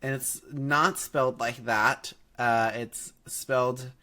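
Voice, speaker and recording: A sassy young man in his twenties co-hosting a casual podcast, his voice a little congested from allergies. He talks in a lively, joking way and laughs often, at a mid pitch typical for a man. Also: slow pace. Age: 20s. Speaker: podcast co-host. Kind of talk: casual chat.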